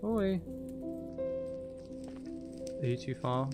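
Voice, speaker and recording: Extremely slowly, a mid-range male voice with lively intonation thinks aloud through a Minecraft session, mumbling casual commentary to himself. Background music runs throughout.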